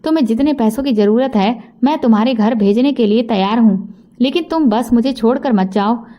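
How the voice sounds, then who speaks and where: A young rich man in a spoken story pleads urgently, as a woman narrator reads his lines. The voice stays fairly high and mellow. It is an insistent, pressing delivery. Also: brisk, close to an everyday voice. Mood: pleading.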